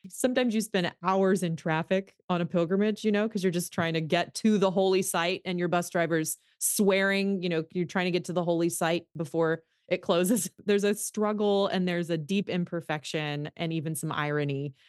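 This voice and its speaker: A woman's voice: fairly low pitch, fairly even intonation, normal speed, few pauses, darkish tone, clear, resonant tone, no room sound, clean studio sound. A woman from the United States hosting an interview, asking earnest, curious questions in a conversational way. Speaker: podcast host.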